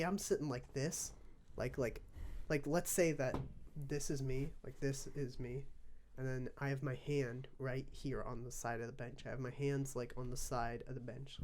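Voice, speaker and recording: A man's voice: mid-range voice, a little mellow, a little hiss or hum. A young man co-hosting a casual podcast, telling a mock-serious story with lots of ums and restarts into a mic with a pop shield. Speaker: podcast co-host.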